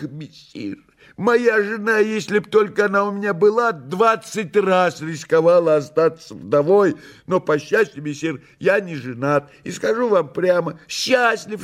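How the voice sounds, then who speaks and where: A man voicing a boisterous talking tomcat, a fussy jester who speaks in an excitable, shrill, theatrical way.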